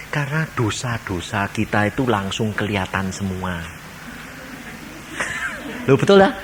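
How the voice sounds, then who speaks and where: A man preaching a sermon, animated and constantly questioning the congregation. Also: mid-range voice, a little hiss or hum. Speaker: evangelist preacher.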